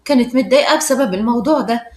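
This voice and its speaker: A woman with an Egyptian accent narrating a storybook tale in a brisk, dramatic way. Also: a little high, darkish tone, echoey room. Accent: Egyptian Arabic.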